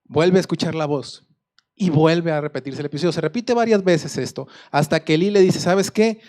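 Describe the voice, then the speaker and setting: A man's voice: a little high, fairly quick, darkish tone. A man with a Mexican accent preaching a sermon in a conversational storytelling way, asking the congregation questions. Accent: Mexican Spanish.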